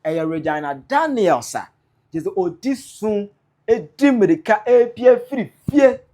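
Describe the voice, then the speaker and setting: A woman giving animated gossip commentary, mixing pidgin with local phrases. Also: mid-range voice, unhurried. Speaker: news blogger.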